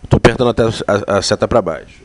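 A man with a Brazilian accent giving a spoken software tutorial in a conversational, explanatory way. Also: fairly low pitch, quick pace, a little hiss or hum. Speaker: software instructor.

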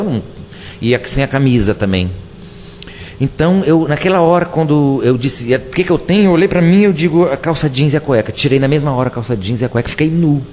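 A man telling a personal story in an emotional, halting way, often repeating himself. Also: medium pitch, darkish tone, in a large hall, a little hiss or hum. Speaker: guest telling his story.

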